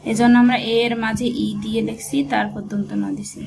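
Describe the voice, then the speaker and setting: A woman teaching a shorthand lesson, spelling each word slowly letter by letter as she writes. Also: a little high, flat delivery, vocal fry, background noise. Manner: slow, spells words letter by letter. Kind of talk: step-by-step dictation lesson.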